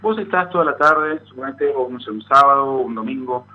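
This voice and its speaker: A man with an Argentine accent, a psychologist guest giving thoughtful explanations in an interview, often pausing on "este". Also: medium pitch, soft background music. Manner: thoughtful, frequent "este" fillers. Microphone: phone call. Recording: tinny phone line with faint noise.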